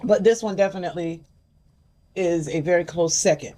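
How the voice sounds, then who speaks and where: A woman's voice: on the low side, normal speed, warm tone, a little hiss or hum. An older woman hosting a casual chat, chatty, sometimes reading package text aloud. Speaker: host.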